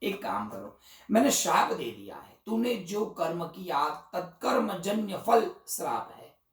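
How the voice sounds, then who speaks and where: A man's voice: high-pitched, big pitch swings, measured pace, soft background music, voice pushed up. A man voicing an elderly, angry sage who sternly pronounces a curse. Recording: roomy hall, distant mic.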